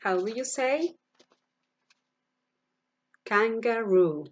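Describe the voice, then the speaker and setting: A woman teaching English to primary school children, saying each animal word slowly and asking the kids to repeat it. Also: mid-range voice, lively intonation, dull audio. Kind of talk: online class, slow vocabulary drill. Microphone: computer mic, virtual class.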